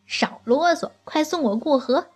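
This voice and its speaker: Lady putting on a cranky shouty sun granny, super impatient, storybook voice. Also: high voice, animated, unhurried, faint music behind, voice pushed up. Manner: shouting, hot-tempered, impatient. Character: furious old sun granny spirit, female. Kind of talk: storybook character voice.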